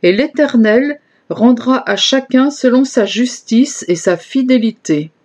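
A woman's voice: fairly high pitch, measured pace, darkish tone. A woman voicing an earnest young male leader in a scripture reading, solemn and pleading.

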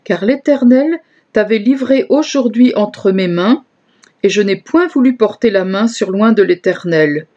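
A woman's voice: mid-range voice, lively intonation, a little slow, dark tone, dull audio. David, a woman reading an earnest young leader. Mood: solemn.

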